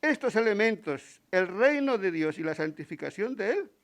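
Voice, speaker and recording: A man's voice: high-pitched, big pitch swings, moderate pace. A man with a Spain Spanish accent preaching a Sunday sermon in church, stopping to ask the congregation rhetorical questions. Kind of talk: Sunday sermon with Bible readings.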